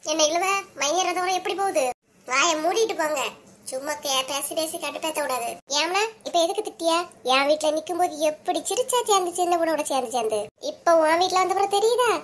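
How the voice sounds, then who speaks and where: A woman's voice: very high voice, lively intonation, a little fast, a little hiss or hum. A woman voicing several chatty, scolding village women in a cartoon, speaking with a Kanyakumari Tamil accent. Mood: gleeful. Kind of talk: cartoon voice acting.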